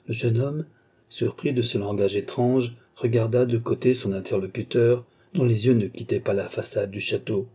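A man reading a classic novel aloud in a steady, measured narration. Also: medium pitch, husky. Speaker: audiobook reader.

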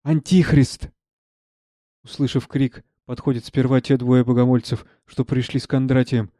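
A man quietly reading out a play's stage directions in a low, subdued voice. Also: flat delivery, moderate pace, no room sound, clean studio sound. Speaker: reader of a play.

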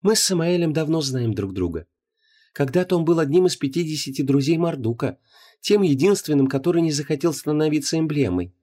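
A man's voice: fairly high pitch, animated, a little fast, dark tone, voice pushed up. A man doing a honeyed, condescending goddess. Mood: persuasive. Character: sweetly smiling seductive goddess of love.

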